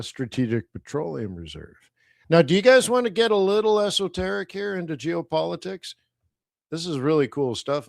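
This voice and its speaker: A middle-aged Canadian man hosts a live trading stream, chatting casually and tossing rhetorical questions at his viewers. His voice is medium in pitch, recorded with studio quality and no room sound.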